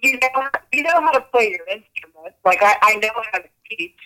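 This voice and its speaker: A woman's voice: on the high side, expressive, a little fast, sharp tone, rough recording. A woman on a speakerphone call, a guest yoga teacher chatting in an interview, talking freely with frequent restarts and small laughs. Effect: heard over a speakerphone call. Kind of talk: casual interview chat.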